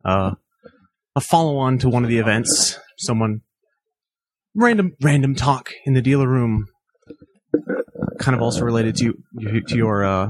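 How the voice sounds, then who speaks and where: A man's voice: mid-range voice, expressive, normal speed, pauses often, no room sound. A man on a casual podcast panel, speaking hesitantly in a dry, understated way. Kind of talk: casual chat.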